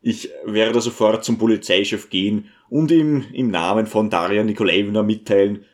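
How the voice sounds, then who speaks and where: A man's voice: on the low side, moderate pace, natural voice. A man voicing an eager, vain provincial schoolteacher who sometimes stammers.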